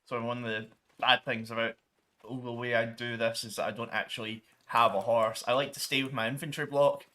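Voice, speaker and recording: A man's voice: mid-range voice, flat delivery, fairly quick, bright, forceful tone. A man casually talking through his strategy game session, rambling with frequent ums and restarts. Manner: rambling, many ums and restarts, mild swearing substitutes. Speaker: gaming streamer. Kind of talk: casual gameplay commentary.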